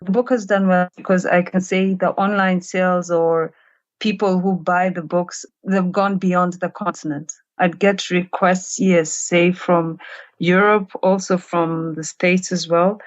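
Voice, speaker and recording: Kenyan woman guest, lowish voice, reflective and unhurried, muffled lo-fi line. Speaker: guest, children's author. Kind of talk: conversational interview.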